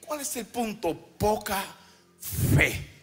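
A pastor preaching a sermon in a chanted sing-song cadence, breaking into shouts and calling on the congregation to respond. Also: male voice, high-pitched, sing-song, slow, husky, faint music behind. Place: church service before a congregation.

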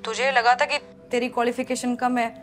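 A woman's voice: on the high side, level tone, a little fast, a bit bright, natural voice. An actress playing a frank, direct young woman friend of the lead, with light music behind. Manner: direct, confronting.

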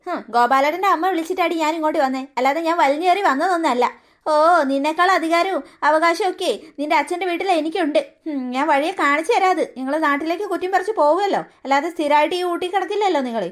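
A mean, haughty cartoon aunt, played by a woman who bullies the children and scolds and threatens them with scorn. Her voice sits very high. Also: quick pace. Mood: scornful. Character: scheming haughty adult aunt, mean and bullying. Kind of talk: cartoon story voice acting.

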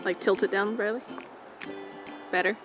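A young woman hosting a casual vlog outdoors in the snow, giggly and excitable, filmed on a camera by a friend. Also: medium pitch, normal speed, music in the background. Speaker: vlogger host.

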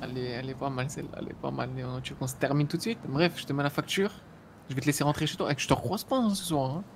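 Fast-talking man playing a cop. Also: medium pitch, a little hiss or hum. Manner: quick, casual, slipping between polite and blunt. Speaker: player acting a police officer. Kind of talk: game role-play.

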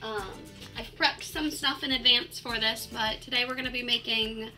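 Woman, 30s, home-kitchen cooking vlog host, higher voice, friendly and loose, phone-filmed with music underneath. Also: moderate pace. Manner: friendly, chatty, relaxed with fillers. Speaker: youth club membership coordinator hosting a cooking video. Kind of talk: casual home cooking demo. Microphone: phone camera held by her son.

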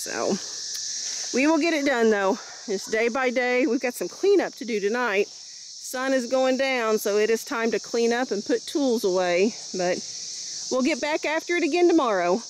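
A cheerful woman in her thirties with an Ozark accent walks her farm at dusk, talking into a phone held at arm's length. Her voice sits a little high. Crickets and insects chirp clearly all around. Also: expressive, normal speed. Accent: Ozark American. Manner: chatty, cheerful, talks to camera while walking. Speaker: homestead vlogger. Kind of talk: casual vlog narration while walking. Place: outdoors on a rural farm at sunset. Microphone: phone camera held at arm's length. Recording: clear outdoor noise of crickets. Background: crickets and insects outdoors.

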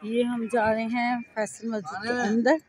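A woman with a fairly high, level voice at normal speed films a casual, chatty walking vlog on a handheld phone, staying behind the camera. She points out her surroundings as she moves through large, busy open-air mosque courtyards and grounds, with a crowd of visitors around her.

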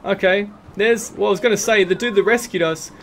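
A man commentating while he plays a video game, excitable and jokey, often laughing and shouting at the game. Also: high voice, brisk, slight background noise. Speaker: gaming video host. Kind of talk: let's play commentary. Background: game music and gunfire.

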